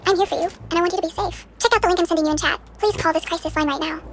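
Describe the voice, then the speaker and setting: A machine voice with a sped-up, high chipmunk effect, speaking as an eager AI chat companion in an earnest, soothing, overly reassuring way. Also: female voice, steady tone, racing, slight background noise. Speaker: AI chatbot companion.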